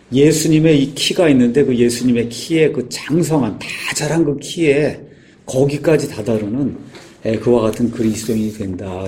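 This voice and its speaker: A man giving an informal sermon, explaining patiently with frequent pauses and filler words. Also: medium pitch, dark tone, a little hiss or hum. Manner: halting, many "ye" fillers, explanatory. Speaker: guest speaker.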